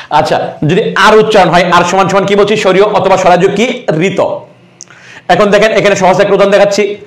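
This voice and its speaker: Man, high voice, exam-prep teacher, rhetorical questions, teasing. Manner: rhetorical questions, answers them himself, teasing. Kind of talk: online grammar class.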